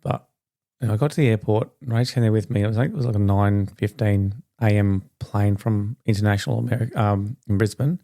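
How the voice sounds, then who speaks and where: Middle-aged male podcast host: low, gravelly, mellow voice, rambling storyteller, dry close recording. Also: quick pace, no room sound. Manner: rambling, chatty, often restarts mid-sentence. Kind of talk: casual storytelling monologue.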